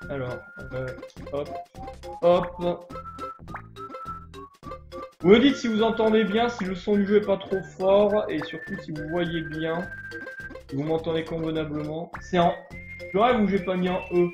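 A man's voice: high voice, a little slow, pauses often, echoey room, music in the background. A man streaming a video game live, chatting casually and greeting viewers in the chat. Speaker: let's play streamer.

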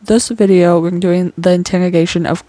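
A woman with a speech impediment says W for R, unable to pronounce her R's, while goofily and informally reacting to a true crime video as a casual chat host. Her lowish, warm voice has fairly even intonation at normal speed, in a dry recording.

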